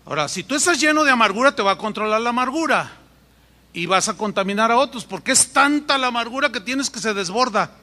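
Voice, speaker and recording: Animated preacher man in a reverberant hall. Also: very high-pitched, fast. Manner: animated preaching, acts out voices in anecdotes. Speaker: pastor. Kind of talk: sermon. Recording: echoey hall with long reverb.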